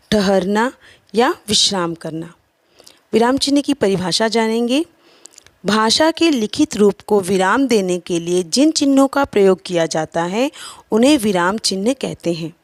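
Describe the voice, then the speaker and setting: A woman teacher giving a grammar lesson to children, explaining slowly and listing examples one by one. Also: mid-range voice, no room sound. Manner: slow, careful explaining with listed examples.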